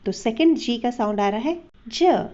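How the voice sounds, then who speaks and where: A woman's voice: fairly high pitch, lively intonation, measured pace, mellow. A woman teaching a phonics lesson, carefully spelling words letter by letter and sounding them out. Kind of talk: slow explanatory phonics lesson. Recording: dull lo-fi recording.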